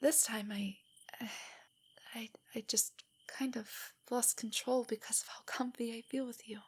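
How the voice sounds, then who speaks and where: In an intimate audio drama, a woman plays a nerdy young girlfriend who is nervous, self-doubting and affectionate, hesitating and stammering as she talks. Her fairly high, breathy voice often drops near a whisper, with fairly even intonation and a slightly slow pace. She sounds insecure and subdued.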